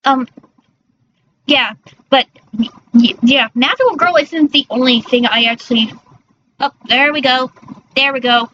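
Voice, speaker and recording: High, bright, cute anime-streamer woman. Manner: halting, stumbling over words. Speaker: streamer, virtual character persona. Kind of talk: casual livestream chat. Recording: dull lo-fi mic with faint noise.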